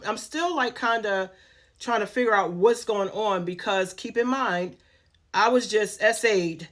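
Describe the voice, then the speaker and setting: A woman's voice: medium pitch, a bit bright. A woman telling a personal story in a candid, conversational way, with many fillers and restarts.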